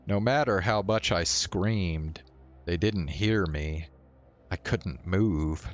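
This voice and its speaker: A man streaming a visual novel, reading its narration aloud in a slow, even way. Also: low-pitched, highs cut off.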